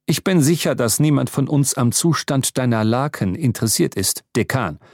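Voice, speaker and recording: A blustering, bossy head wizard, voiced by a male narrator, pitched up with a lively, commanding delivery. He rattles off orders briskly in a storybook reading with a close, dry sound. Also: no echo.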